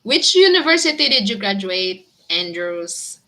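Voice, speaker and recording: A woman with a Filipino accent chats with her viewers in an unhurried way. Her voice is bright and clear, and she giggles easily as she answers each comment. She is in her thirties and sounds friendly and talkative. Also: medium pitch, very animated. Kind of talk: casual live chat with viewers.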